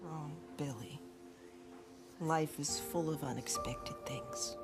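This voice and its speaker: An actress playing a tender, sorrowful mother in a video game drama, gently comforting her son and often slipping into whispers. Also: sits low, slow. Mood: tearful, tender. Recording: loud music under the voice.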